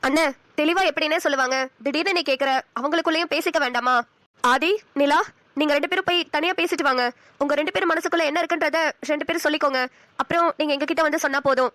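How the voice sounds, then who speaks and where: A woman's voice: high-pitched, quick pace, fairly bright tone, no room sound. A woman voicing a pleading middle-aged aunt. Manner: emotional, persuasive. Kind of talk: Tamil cartoon dubbing.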